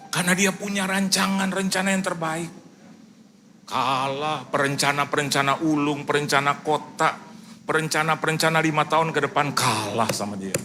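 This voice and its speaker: A middle-aged Indonesian man preaching a sermon, animated, acting out dialogue in lively quoted voices. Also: a little high. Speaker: pastor. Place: church service.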